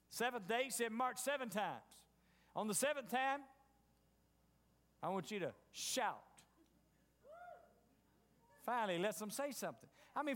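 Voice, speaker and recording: High-voiced preacher, folksy. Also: male voice, fairly bright tone, big-room sound. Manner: folksy storytelling, acts out doubters' voices. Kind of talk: sermon.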